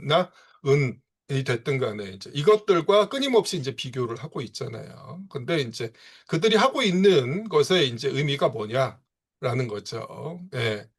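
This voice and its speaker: A man's voice: medium pitch, very animated, moderate pace, slightly rough. A man giving an online seminar lecture, dropping frequent fillers and asking rhetorical questions as he explains. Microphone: video call.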